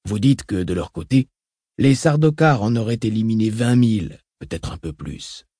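A man voicing a cold, scheming, menacing baron in an audiobook reading, curt and measured. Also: on the low side, lively intonation, dark tone, no echo, studio quality.

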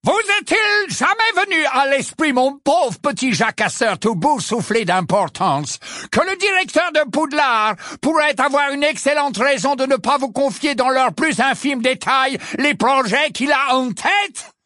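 A man voicing a haughty old male wizard portrait in an audiobook, with a slow, sarcastic, mocking drawl. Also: a little high, big pitch swings, fairly bright tone, dry recording, clean studio sound, pitched above the performer's own voice, exaggerated voice. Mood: scolding. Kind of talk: audiobook character voice.

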